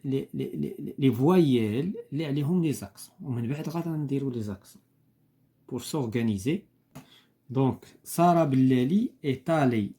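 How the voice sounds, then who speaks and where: A man teaching a primary-school French lesson, saying each word slowly and repeating it, then explaining in dialect. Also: medium pitch, warm tone.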